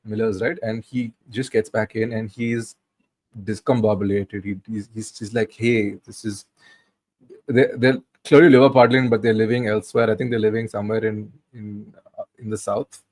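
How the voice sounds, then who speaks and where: A man's voice: on the low side, steady tone, moderate pace, a little mellow, no room sound. A man in his thirties co-hosting a film podcast, retelling scenes in casual chat with many restarts. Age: 30s. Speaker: podcast co-host.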